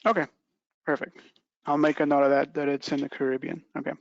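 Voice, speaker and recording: A middle-aged man, working as a product trainer, presents a webinar over a video call from a small, plain indoor room. He explains things step by step informally, checking in with "right" and "okay." His slightly high voice is fast with little pitch movement and vocal fry, and the sound is lo-fi.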